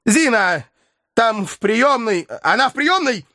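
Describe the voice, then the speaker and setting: A man voicing a pompous older male professor who lectures and shouts in tirades. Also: very high voice, big pitch swings, measured pace, dry recording, clean studio sound, pitched above the performer's own voice, exaggerated voice. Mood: furious.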